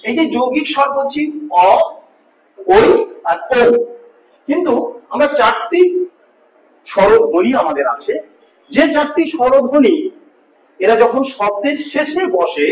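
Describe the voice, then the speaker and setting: A male teacher giving a grammar lesson, patiently repeating each point and asking his students questions. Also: very high voice. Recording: echoey room, distant mic, dull lo-fi.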